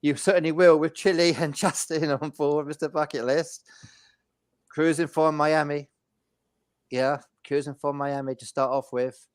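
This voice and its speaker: A man's voice: on the high side, steady tone, a little slow, smooth, dry recording, studio quality. A man hosting a casual travel chat, reading out details and handing over to his guests. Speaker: host. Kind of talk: casual presenting.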